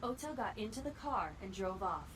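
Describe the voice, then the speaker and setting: A woman's voice: mid-range voice, lively intonation, normal speed, background noise, natural voice. A woman playing a composed, matter-of-fact artificial intelligence partner in a video game, speaking precisely and formally. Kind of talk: English video game voice acting.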